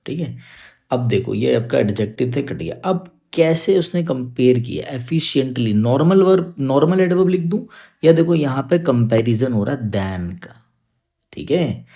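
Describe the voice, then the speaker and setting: Man, gravelly voice, mellow tone, grammar lesson, repeats checks like "okay". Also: mid-range voice. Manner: repeats "समझो बात को" and "ठीक है", reads example sentences slowly. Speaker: English teacher. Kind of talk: exam-prep grammar lesson. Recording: online class video.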